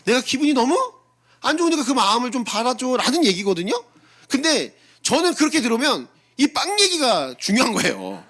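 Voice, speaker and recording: Animated high-voiced Korean pastor preaching. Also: male voice. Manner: conversational preaching with rhetorical questions to the congregation; acts out his own blunt replies in quick asides. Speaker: senior pastor. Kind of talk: sermon.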